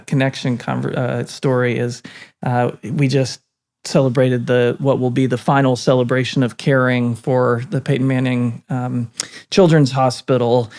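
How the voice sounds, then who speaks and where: A man hosting a podcast interview, talking in a reflective, halting way with many fillers. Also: medium pitch, darkish tone. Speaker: podcast host. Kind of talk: casual interview talk.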